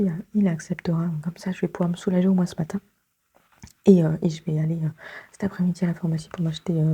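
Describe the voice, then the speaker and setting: A woman chats through her day in a relaxed vlog, her voice husky from a sore throat. She often slips into a whisper, and her tone stays mellow and soft. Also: on the low side. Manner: chatty, often drops to a whisper. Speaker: vlogger. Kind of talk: casual daily vlog chat.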